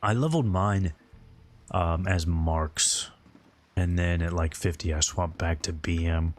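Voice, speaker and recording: A man's voice: low-pitched, unhurried, slight background noise. A man talking informally and ramblingly as he hosts a game livestream and answers his viewers' chat. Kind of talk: casual gaming stream commentary, answering viewer chat.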